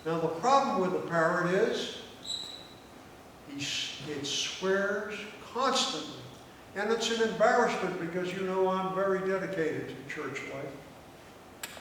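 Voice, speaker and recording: Older male host, high-pitched voice, unhurried rambling joke delivery; distant mic, echoey hall with noise behind. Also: animated, fairly bright tone. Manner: slow, meandering joke-telling with fillers and restarts. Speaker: comedy show host. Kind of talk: telling jokes to a live audience.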